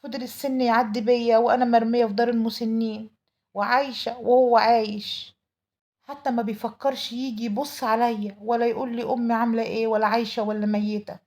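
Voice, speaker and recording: A woman with an Egyptian Arabic accent tells a dramatic first-person story at a rapid clip. Her voice is mellow and slightly high, and she pleads and grieves as she goes. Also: little pitch movement. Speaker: storyteller narrating a mother's tale.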